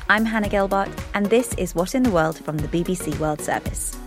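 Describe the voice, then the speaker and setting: A woman's voice: mid-range voice, brisk, music in the background. A woman presenting a scripted news podcast and questioning a guest as host.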